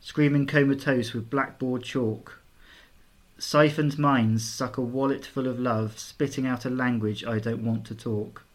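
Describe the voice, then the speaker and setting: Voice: mid-range voice, steady tone, a little slow. A co-host on a casual music podcast who reads lyrics aloud and teases the other host.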